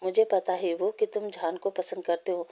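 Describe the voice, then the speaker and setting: A woman's voice: fairly low pitch, fairly even intonation, normal speed, mellow, natural voice. A woman voicing a stern older brother in a fan story read aloud.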